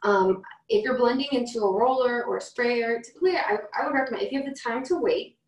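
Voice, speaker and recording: A woman's voice: a little high, fast. A woman co-teaching a class, explaining how to blend oils in an encouraging way. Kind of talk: instructive class chat. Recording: roomy, distant from the mic.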